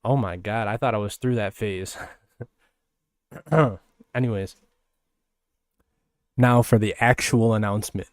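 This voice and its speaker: A man's voice: on the low side, slow pace, pauses often, dry recording, studio quality. A man hosting a podcast, talking in a loose, rambling way with many fillers and restarts. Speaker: podcast host. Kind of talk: casual podcast monologue.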